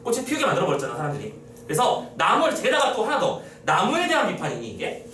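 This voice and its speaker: A man's voice: sits high, quick pace. Young male exam-prep lecturer, playful and chatty, faint room hiss behind. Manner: lively, teasing, talks to students casually. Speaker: Korean literature lecturer. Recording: echoey room, mic at a distance.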